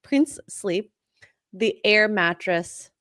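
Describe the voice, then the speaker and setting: A woman's voice: mid-range voice, animated, drawn-out words, fairly bright tone, dry recording, studio quality. A woman co-hosting a podcast, chatting casually, reading viewer messages aloud and laughing often. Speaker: podcast co-host.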